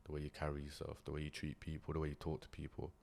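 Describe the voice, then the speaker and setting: Young guy, low voice, slangy, earnest interview guest. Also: completely flat delivery, racing, vocal fry, a little mellow. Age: young adult. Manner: slangy and earnest, many restarts. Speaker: guest, property investor. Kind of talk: casual interview chat.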